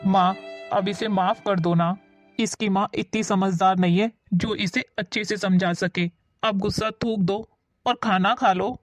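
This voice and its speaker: A woman's voice: mid-range voice, fairly even intonation, unhurried, no echo, faint music behind, natural voice. A woman voicing a selfish younger son who talks in a placating, calculating way.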